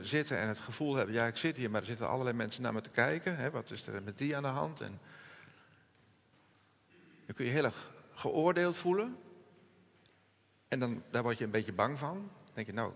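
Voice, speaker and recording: A man preaching a sermon in a gentle, reflective manner, slowing and softening his voice on quoted words. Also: mid-range voice, expressive, creaky, in a large hall. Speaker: pastor.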